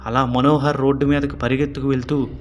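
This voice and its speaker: A man narrating a horror story in a steady storytelling manner. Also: medium pitch, fast talker, faint music behind.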